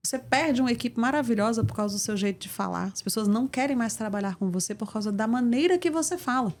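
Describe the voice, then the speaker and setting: Brazilian woman, middle-aged, emphatic teaching guest, pitched a touch high. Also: expressive, fast, a little mellow. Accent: Brazilian Portuguese. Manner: assertive, didactic, emphatic delivery. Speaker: guest, communication mentor. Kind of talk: interview, explaining with examples.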